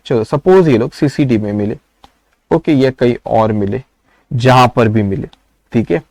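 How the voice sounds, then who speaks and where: High-pitched guy teaching an accounting class, bursts into acted-out bits, dry close mic. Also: no echo. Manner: storytelling, acts out scenes with raised excited voice. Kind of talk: recorded lecture.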